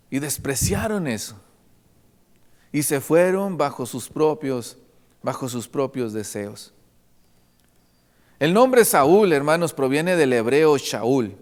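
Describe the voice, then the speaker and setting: Male preacher, high-pitched, earnest sermon delivery, long church reverb. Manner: earnest preaching, repeatedly addressing the congregation as brothers.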